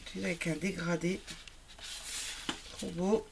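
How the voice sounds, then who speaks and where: A woman's voice: on the low side, level tone, slow, gravelly, noisy background. A woman chatting casually through a craft shopping haul, with frequent fillers. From Italian family background. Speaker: craft vlogger. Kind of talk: casual product haul chat.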